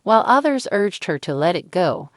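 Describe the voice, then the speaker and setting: A woman with a lowish voice reads a scripted celebrity news story. Her delivery stays even, and she reads the quoted lines without acting them. The recording is dry and close, with no room sound. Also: moderate pace, dry recording. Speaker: entertainment news narrator. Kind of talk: scripted narration.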